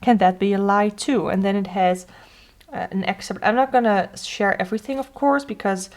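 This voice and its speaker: In a relaxed deck flip-through vlog, a woman who hosts a tarot channel chats away, thinking out loud with lots of "um" and "uh." She speaks Dutch as her first language, and her voice is medium-pitched, moderately paced and a little mellow.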